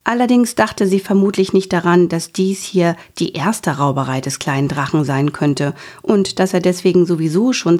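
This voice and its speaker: Husky woman reading a children's story. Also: lowish voice. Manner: lively, expressive storytelling. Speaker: narrator. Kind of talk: children's audiobook narration.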